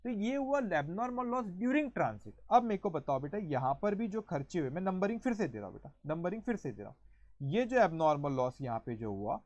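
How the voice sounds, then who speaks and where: A male accounting teacher giving an online lecture in a lively storytelling manner, going through each point step by step and counting them off aloud. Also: high-pitched, brisk, dry recording, highs cut off. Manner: explains step by step, counting points aloud and calling students "beta"; lively storytelling, acting out an example.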